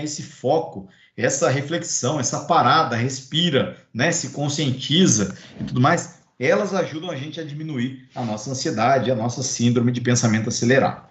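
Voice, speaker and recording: A man's voice: medium pitch, fairly bright tone. A man with a Brazilian Portuguese accent giving an online lecture as course instructor, conversational with many fillers and checking tags. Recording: roomy, dull recording.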